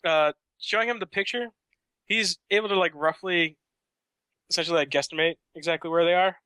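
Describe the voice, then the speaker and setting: A young man running a tabletop game, his voice bright, crisp and a little high. He narrates casually with fillers and laughs, and the recording is dry. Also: a little fast, no room sound. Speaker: game master.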